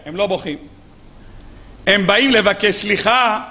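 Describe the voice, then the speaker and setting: A rabbi preaches a weekly sermon in a high, bright voice. He tells the story animatedly and keeps putting questions to his listeners. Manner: animated storytelling, acting out quoted speakers; rhetorical questions to the audience.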